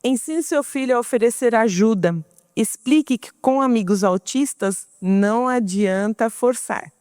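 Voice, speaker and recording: A woman's voice: a little high, a little slow, a little mellow, clear, resonant tone, dry recording, studio quality. A middle-aged woman with a Brazilian Portuguese accent, giving an informal talk and explaining patiently, often asking and answering her own questions.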